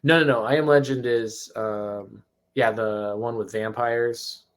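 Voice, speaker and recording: A man co-hosting a casual podcast, telling stories in a rambling, animated way with many restarts. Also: medium pitch, a little slow. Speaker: podcast co-host. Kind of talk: casual chat.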